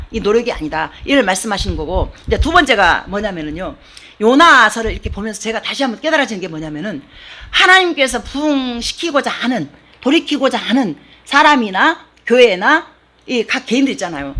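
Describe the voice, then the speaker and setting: A woman pastor preaching a sermon in a church, telling the story in an animated, colloquial way with sound effects. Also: a little high.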